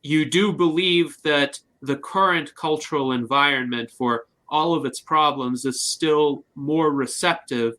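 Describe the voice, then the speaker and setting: A man hosting an interview, speaking in long, formal, measured sentences. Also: fairly high pitch, pushed and bright. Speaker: interview host.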